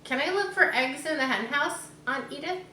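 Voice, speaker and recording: A woman acts out a fussy young storybook farm girl, plaintive and disapproving. The voice is raised high and bright. A roomy echo surrounds it. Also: normal speed, far from the mic. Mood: pleading. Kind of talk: children's storybook reading. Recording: roomy echo, faint background noise.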